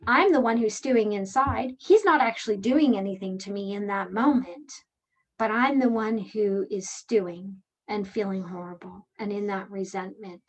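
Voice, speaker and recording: A woman giving a calm motivational presentation, speaking gently and reflectively with slow phrasing and pauses. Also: medium pitch, rough recording. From Canada. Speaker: speaker and workshop leader.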